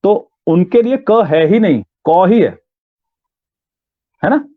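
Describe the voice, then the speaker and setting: Guy from uttarakhand teaching voice stuff in an interview, fairly high voice, tinny phone-line sound. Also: sing-song, takes it slowly, no room sound. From Uttarakhand, India. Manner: instructive, demonstrates sounds aloud. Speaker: voice artist and theatre artist. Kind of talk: interview, explaining voice training.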